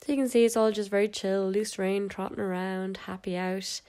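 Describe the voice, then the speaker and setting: Nasal and stuffed up from a cold, a young equestrian vlogger chats casually over footage of her horse, dropping in fillers and small laughs. Her mid-range voice is steady and a little mellow, at a moderate pace.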